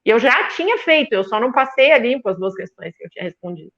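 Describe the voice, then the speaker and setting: A woman's voice: a little high, lively intonation, fast talker, fairly bright tone, highs cut off. A Brazilian woman in her fifties, a feminist union leader speaking as a panel guest, emphatic and indignant, repeating words for force. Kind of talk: impassioned panel discussion.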